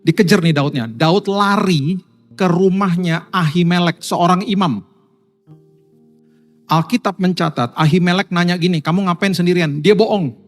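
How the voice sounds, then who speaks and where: A male pastor with an Indonesian accent preaching a sermon to his congregation, swinging between hushed, intimate passages and loud, emphatic ones. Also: high-pitched, a little slow, faint music behind. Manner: addresses congregation as Bapak Ibu.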